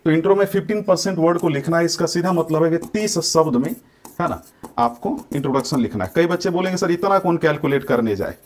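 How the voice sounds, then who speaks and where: A man's voice: fairly high pitch, expressive, quick pace. A male coaching teacher from India lectures students on answer writing, mixing Hindi with Indian-accented English and dictating model lines word by word. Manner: addresses students directly, checks they follow. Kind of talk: exam-prep lecture.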